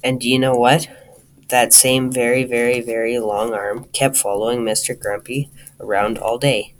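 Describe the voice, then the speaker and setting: A man reading a children's storybook aloud, talking straight to the listener in a lively way. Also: mid-range voice, moderate pace, slight background noise, rough recording. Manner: lively, addresses the listener directly.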